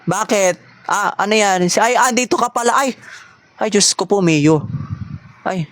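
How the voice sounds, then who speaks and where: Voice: medium pitch, a little slow, fairly bright tone, no room sound. A gamer chatting casually during online play, playful and mock-serious, mixing in English phrases. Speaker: gamer playing online with others. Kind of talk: casual gameplay chat.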